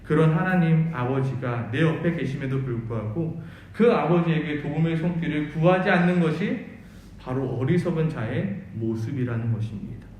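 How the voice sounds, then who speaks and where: A man's voice: a little high, normal speed, a little mellow, heavy reverb, low-quality recording. A male pastor preaching a sermon, earnestly asking the congregation rhetorical questions. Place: church sanctuary.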